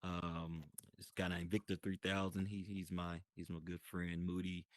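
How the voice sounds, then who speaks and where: A man's voice: low-pitched, flat delivery, normal speed, no echo. A man casually telling a long story in a voice chat, full of restarts and fillers. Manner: rambling, many restarts and fillers. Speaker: guest describing his virtual world.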